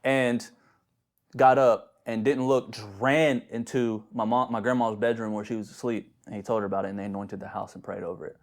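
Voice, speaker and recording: A man's voice: mid-range voice, level tone, a little fast. A young man co-hosting a podcast, casually telling a spooky family story with slang and restarts. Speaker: podcast co-host.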